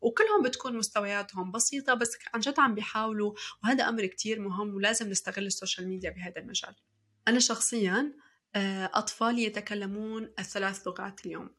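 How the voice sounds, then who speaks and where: Fast-talking husky Levantine woman. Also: medium pitch, a bit bright. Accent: Levantine Arabic. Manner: chatty, with many fillers and restarts. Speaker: parenting podcast host. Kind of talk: casual advice talk.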